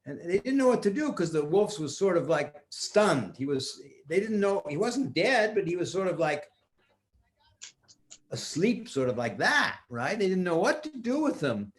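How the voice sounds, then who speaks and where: An older man improvising a story for children in a folksy, expressive way, drawing words out for effect. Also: high voice, moderate pace.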